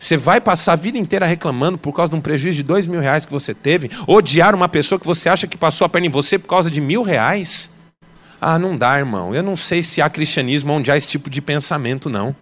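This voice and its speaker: A man with a Brazilian Portuguese accent preaching a sermon, swinging between loud exclamations and soft, low asides. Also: fast talker. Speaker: pastor. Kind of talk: radio sermon.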